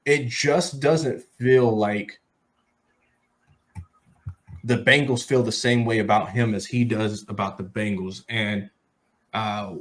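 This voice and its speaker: A man's voice: on the low side, steady tone, slow, long pauses. A man hosting a sports talk show in a casual, conversational style, speaking directly to listeners as he gives his commentary. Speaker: sports podcast host.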